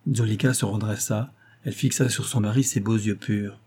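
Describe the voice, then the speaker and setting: A man narrating a classic short story in a measured, lyrical audiobook reading. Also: on the low side, fairly even intonation, darkish tone, breathy edge.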